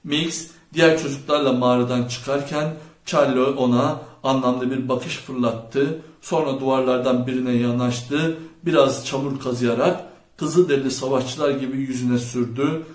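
A man narrating a novel as an audiobook reader, with measured, even storytelling. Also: mid-range voice. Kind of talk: scripted narration. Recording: roomy echo.

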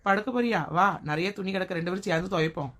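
Fast, sarcastic woman with a lowish voice. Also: a bit bright, slight background noise. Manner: sarcastic, grumbling asides. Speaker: comedy sketch performer. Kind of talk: family comedy skit, playing the sister-in-law.

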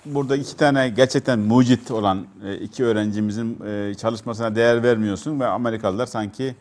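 A man discussing local news in a TV studio, pausing often to search for words. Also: mid-range voice, steady tone, darkish tone. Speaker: local TV commentator. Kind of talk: casual studio chat.

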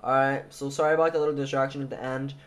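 Indoors at a computer, a young tutorial presenter works through a casual lesson, hesitant and thinking aloud. His voice is medium-pitched and level, and he speaks very fast. It is recorded on a handheld camera mic, and the audio is noisy.

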